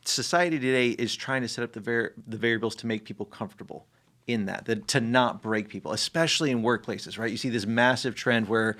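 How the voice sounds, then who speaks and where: A man's voice: mid-range voice, a little fast, a bit bright. A man hosting a podcast interview, thoughtful as he builds up a question. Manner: thoughtful, frames questions with brief affirmations. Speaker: podcast host.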